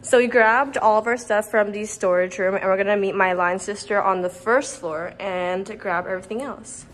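Holding her phone at arm's length, the young college vlogger and sorority rush chair chats casually to camera in a bubbly, girly way. Her voice is medium-pitched with fairly even intonation at a normal speed, and the handheld clip picks up room and street noise.

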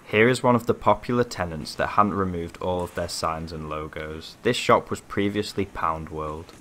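A man reading a scripted documentary voice-over with a measured, even delivery. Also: low-pitched, a little hiss or hum. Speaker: narrator. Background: background music.

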